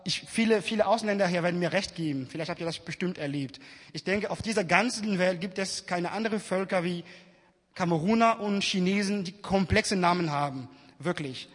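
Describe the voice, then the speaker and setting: A man from Cameroon preaching a lively sermon at a church service, acting out the voices he quotes and adding humorous asides. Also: high-pitched. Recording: long reverb of a church hall.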